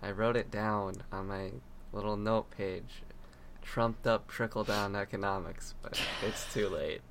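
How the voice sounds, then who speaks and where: Low-voiced young man, dry and joking. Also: steady tone, a little slow, creaky, noisy background. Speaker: podcast co-host. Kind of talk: casual podcast chat.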